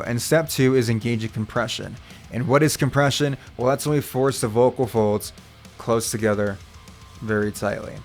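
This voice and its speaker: Male vocal coach, gravelly creaky voice, medium pitch, step-by-step instruction, reassuring explanation. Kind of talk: instructional video talk.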